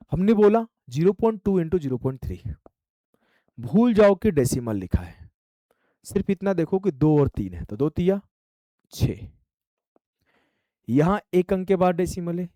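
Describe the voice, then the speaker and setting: Math teacher guy drilling numbers fast, mellow but kinda high voice, dry mic. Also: no room sound. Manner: brisk, drills numbers aloud, coaxing students. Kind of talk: classroom-style math lesson.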